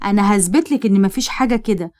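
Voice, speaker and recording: A woman's voice: mid-range voice, fast talker, darkish tone, lightly acted. Bossy young Egyptian cousin, as a woman reads him. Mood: angry. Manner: scolding, threatening. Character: bossy protective young man, her cousin.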